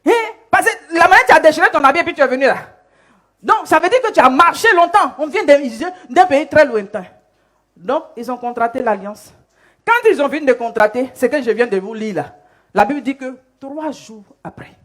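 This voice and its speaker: Animated woman preaching a sermon. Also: sits high, a little fast. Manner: animated storytelling, acts out characters.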